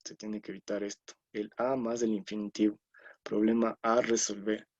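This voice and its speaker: A man's voice: lowish voice, little pitch movement, moderate pace, slightly rough, no room sound, muffled recording. A man from Ecuador giving an explanatory lecture on scientific writing, often checking in with tag questions and fillers.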